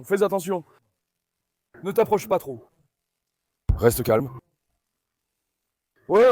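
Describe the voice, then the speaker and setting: A man hosting a dog vlog, giving running commentary to viewers and repeatedly calming his dogs with soothing commands. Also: sits high, dry recording, clean studio sound. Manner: talks directly to viewers as friends. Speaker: dog owner and channel host.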